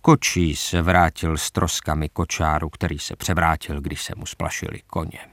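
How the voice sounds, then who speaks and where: A man's voice: very deep voice, level tone, fairly bright tone, dry recording, clean studio sound, voice pushed down. A man narrating a story, voicing a hotel owner and former soldier who explains in a composed way.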